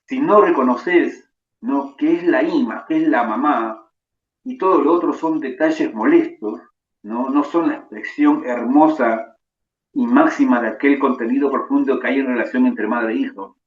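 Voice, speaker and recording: A man's voice: mid-range voice, moderate pace. A man with a Rioplatense accent, a rabbi giving a sermon-style lecture and telling stories while he keeps adding "¿no?". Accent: Rioplatense Spanish. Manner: keeps adding "¿no?" tags, storytelling. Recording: echoey, dull, distant.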